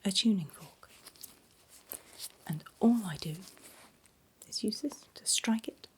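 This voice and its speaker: A middle-aged woman plays a doctor in a gentle, reassuring ASMR medical exam roleplay, giving close personal attention as she whispers breathily. Her voice is mid-range and slow, with a breathy edge.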